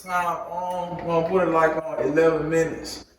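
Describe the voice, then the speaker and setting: A man's voice: on the high side, flat delivery, moderate pace, very echoey, far from the mic, low-quality recording. A man walking viewers through a recipe in a chatty, joking way, with preachy asides to the audience. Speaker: home cook teaching a recipe. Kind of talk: casual cooking tutorial.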